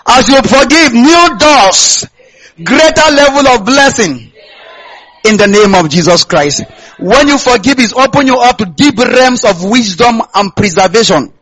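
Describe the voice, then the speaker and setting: In a rough recording, a man from Kaduna State, Nigeria, with a northern Hausa accent, preaches to his congregation. His very high voice is unhurried, a bit bright and lively in intonation, and he speaks conversationally, repeats phrases, and prompts listeners to complete or affirm his lines.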